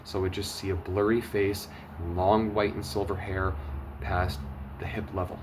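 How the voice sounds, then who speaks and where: A low-pitched man tells his personal testimony straight to the camera. He is earnest and emotional, pressing forward urgently in some moments and dropping to a hushed near-whisper in others. A faint hiss sits behind his voice. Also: level tone, moderate pace. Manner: earnest and emotional, swinging between urgent loud bursts and hushed quiet. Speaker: testimony vlogger.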